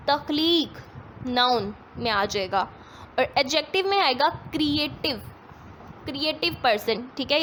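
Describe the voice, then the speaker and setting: A woman teacher explaining a textbook exercise patiently, step by step, reading English phrases slowly. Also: sits high, a bit bright, a little hiss or hum, poor audio. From Pakistan.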